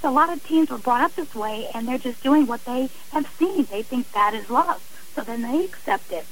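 High-pitched and lively in intonation, this middle-aged author and abuse survivor gives personal testimony at a moderate pace as a guest on a radio interview. She is earnest, emphatic and conversational. The audio is poor and carries a little background noise.

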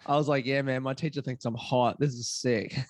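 A man's voice: mid-range voice, fairly even intonation, fairly quick, dry recording, studio quality. A young Australian man, a comedian chatting as a podcast guest, laid-back and swearing casually.

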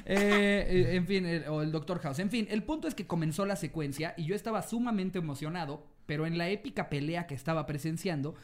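A man's voice: a little high, brisk, hardly any pauses, slight background noise. A man with a Mexican accent hosting a podcast, joking in slang and reading listener stories aloud. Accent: Mexican Spanish. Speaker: podcast host.

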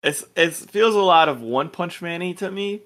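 A man's voice: high voice, lively intonation, moderate pace, fairly bright tone. A man co-hosting a podcast, chatting casually about anime in a slangy, profane, rambling way. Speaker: podcast co-host.

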